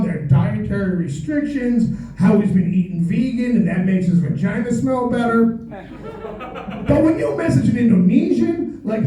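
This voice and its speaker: On a club stage, a middle-aged American comic playfully ribs the audience with mock exasperation. His voice is extremely high yet dark in tone. The recording sounds echoey and a little distant, with laughter from the crowd.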